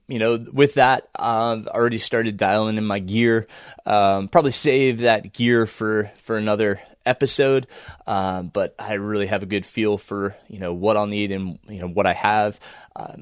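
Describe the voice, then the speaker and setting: American guy doing a casual solo podcast, froggy croaky voice, sick with a cold, lowish, dry sound. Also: dry recording. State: under the weather, congested. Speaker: podcast host and running coach.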